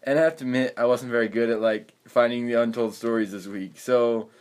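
A man's voice: medium pitch, fairly even intonation, fairly quick. A young man co-hosting a casual podcast, joking around in a laid-back way. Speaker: podcast co-host. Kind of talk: casual chat.

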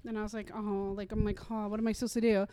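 A woman in her thirties co-hosting a podcast, chatting casually and telling animated stories that act out what people said, swearing freely. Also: medium pitch, racing, a little hiss or hum. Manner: animated storyteller, swears freely, acts out quoted dialogue. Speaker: podcast co-host. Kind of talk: casual chat.

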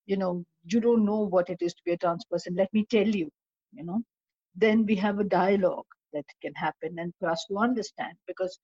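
A woman guest reflecting in conversation, haltingly explaining her ideas through examples. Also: fairly low pitch, dark tone, breathy edge, no echo, highs cut off. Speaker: discussion guest.

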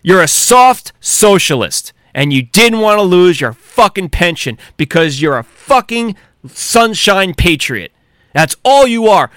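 A man's voice: high-pitched, big pitch swings, a little slow, fairly bright tone, dry recording, clean studio sound. An American man delivering a heated, profane monologue rant, angry and sarcastic. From United States. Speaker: commentator.

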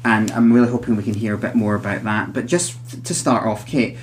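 A man's voice: on the low side, steady tone, fairly quick, a little hiss or hum. A man hosting a psychology podcast in conversational style, chatty, with wry asides, in a recording room with guests.

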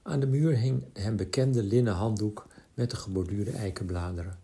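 A man reading a literary short story aloud in a calm, measured narration. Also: on the low side.

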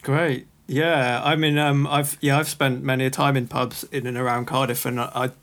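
A man's voice: mid-range voice, flat delivery, moderate pace, a bit bright. A man hosting a podcast interview, asking questions in a friendly, enthusiastic way. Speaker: podcast host. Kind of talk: casual interview chat.

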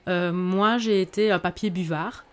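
A woman author, speaking in a podcast interview in a reflective way and often pausing on fillers. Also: fairly low pitch, steady tone, clear, resonant tone. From Belgium. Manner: reflective, hesitant with frequent fillers. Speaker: author guest.

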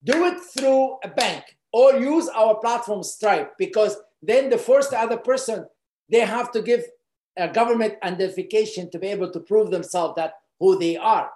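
A man's voice: high voice, normal speed, a little mellow, echoey room. A man from Lebanon, co-founder of a company, speaking earnestly and personally, with frequent fillers and repeated words.

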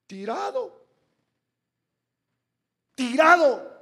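A man preaching a sermon who swings from quiet asides to shouted peaks and acts out quoted voices. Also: very high voice, big pitch swings, drawn-out words. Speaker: pastor.

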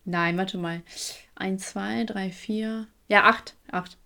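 A woman's voice: mid-range voice, slow pace, vocal fry. Young woman telling a story in slang. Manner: animated storyteller, acts out quoted dialogue; slangy, colloquial. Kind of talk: casual chat.

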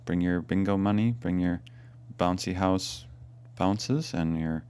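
A man's voice: deep voice, slow pace, a little mellow, smooth. A man who is a parish priest, chatting casually and amiably on a podcast. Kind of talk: casual chat.

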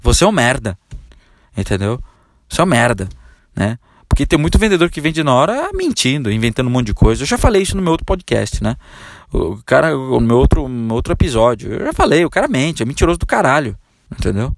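A man's voice: mid-range voice, big pitch swings, fast, no room sound, studio quality. Blunt, scolding man. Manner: blunt, scolding, profane, keeps asking "entendeu?". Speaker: sales coach podcaster. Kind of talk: ranting podcast monologue.

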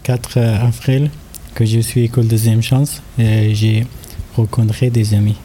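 A man of thirty with an Afghan accent, giving personal testimony in halting, broken French. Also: medium pitch, little pitch movement, dark tone. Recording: background ambient noise.

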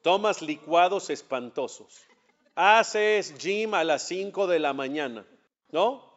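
Taking his time with lively intonation, a male rabbi teaches a religious class in a fairly bright voice that sits slightly high for a man. He speaks to his students conversationally and directly, answering his own questions, on a dull, lo-fi recording.

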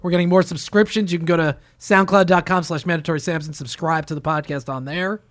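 A male podcast host with a notably high voice, talking in an upbeat, animated way. He keeps a casual chatty tone while steering the conversation. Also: fast talker. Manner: upbeat, animated promo delivery.

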